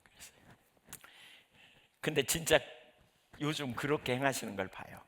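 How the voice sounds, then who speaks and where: A man's voice: medium pitch, moderate pace, vocal fry, fairly bright tone. A middle-aged male pastor giving a conversational sermon, telling personal stories and acting out his own prayers.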